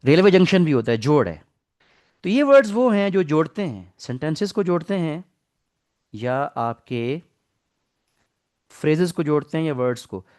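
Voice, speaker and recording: A middle-aged man with a Pakistani Urdu accent teaches an online English class, patiently explaining grammar and putting questions to his students. His voice sits a little high and sounds mellow and smooth.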